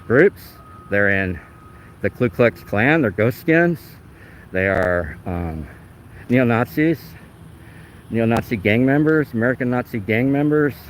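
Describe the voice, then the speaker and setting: A man's voice: mid-range voice, slight background noise, low-quality recording. A man narrating live as he films police on a city sidewalk, his talk indignant and rambling, recorded on a handheld phone outdoors. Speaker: activist filming police. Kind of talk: live narration while filming. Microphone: handheld phone camera.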